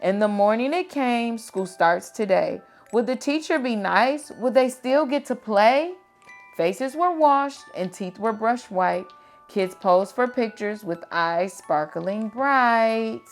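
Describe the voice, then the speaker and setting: A woman with a slightly high voice reads children's picture books aloud, telling the stories in an expressive, dramatic and deliberate way. Faint music plays behind her.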